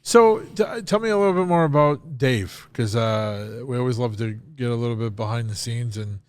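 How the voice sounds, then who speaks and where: A man's voice: mid-range voice, moderate pace. A man hosting an interview, talking in an easygoing way with plenty of fillers and "like.". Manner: easygoing, filler-heavy, says "like" often. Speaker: podcast host. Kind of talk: casual interview conversation.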